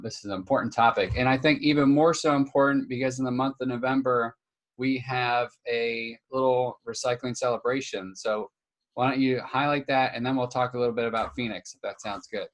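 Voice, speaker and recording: A man's voice: medium pitch, fairly even intonation, fairly quick. Young guy hosting a live stream over a video call, says uh a lot, laid back. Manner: casual, lots of uh fillers. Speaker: host.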